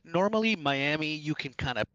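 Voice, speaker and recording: A man's voice: on the high side, dry recording, lo-fi sound. A man, a sim racing driver, earnestly recapping the race in a post-race interview. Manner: earnest, animated, quick recap.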